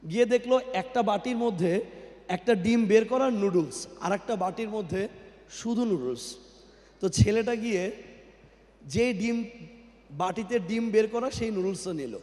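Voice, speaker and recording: Male motivational speaker, high voice, crowd-quizzing, cathedral-like echo on a hall PA. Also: lively intonation, unhurried, pauses often, darkish tone. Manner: quizzes the crowd, mixes English into his talk. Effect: cathedral-like echo from a large hall. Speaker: guest speaker at a company event. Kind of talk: motivational speech to an audience. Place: large indoor event hall. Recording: long hall reverb on a PA microphone.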